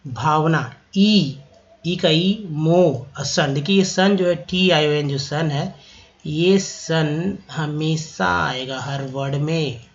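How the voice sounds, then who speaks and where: A man's voice: fairly high pitch, dull audio. A man teaching English vocabulary, spelling words out letter by letter and explaining pronunciation patiently. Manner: spells words letter by letter, repeats them slowly; explains pronunciation rules patiently, asks and answers own questions. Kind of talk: slow spelling-out lesson.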